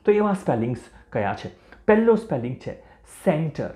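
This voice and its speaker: Male language teacher with a warm, mellow voice and a roomy echo, patient and repetitive. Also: on the high side, big pitch swings. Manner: slow, clear drilling, repeating each word and spelling letter by letter. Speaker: English teacher. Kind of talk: language lesson for beginners.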